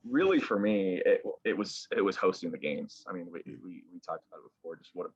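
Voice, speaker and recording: Low-voiced young man telling an animated story. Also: fast, slightly rough, no room sound, lo-fi sound. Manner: animated storyteller, quotes others with lively voice jumps. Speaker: guest, young sports broadcaster. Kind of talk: casual storytelling interview over video call. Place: indoors at home. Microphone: laptop mic on a video call.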